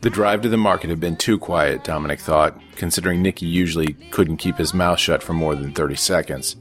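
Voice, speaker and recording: A man narrating a crime story in a steady storytelling manner. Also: deep voice, a little fast, soft background music.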